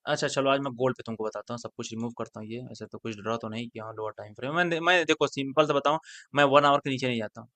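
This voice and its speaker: A man's voice: medium pitch, dry recording. Blunt, slangy male trading teacher. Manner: blunt, slangy, repeats phrases, drops into mixed English; swings between loud urging and quiet muttering. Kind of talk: casual screen-share trading lesson.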